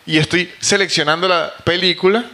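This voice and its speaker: A Venezuelan man with a high, bright voice and a Venezuelan accent. He tells animated, funny stories on a live comedy podcast and swears freely. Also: a little fast. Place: theater stage before a live audience.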